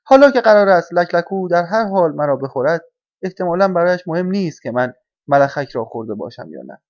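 A man voicing a timid but brave little frog in a storybook reading, speaking earnestly and gently. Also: a little high, very animated, no echo, voice pushed up. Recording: dull, dry lo-fi recording.

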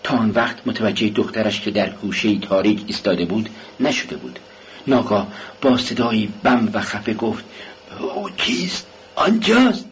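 Low-voiced, expressive male audiobook narrator. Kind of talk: scripted narration. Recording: dull lo-fi recording with faint hiss.

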